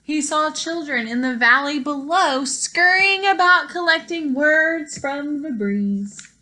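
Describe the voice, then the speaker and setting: A woman whose voice sits high gives an expressive, teacher-like reading of a picture book for young children. Every so often she stops to explain a word or ask her listeners something.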